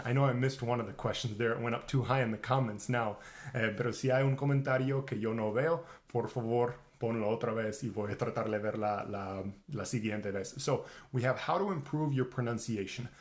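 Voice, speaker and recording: A native English-speaking man teaching English, answering viewer questions in a casual, easygoing Q&A and switching between English and Spanish. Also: mid-range voice. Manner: relaxed, easygoing, talks to viewers directly.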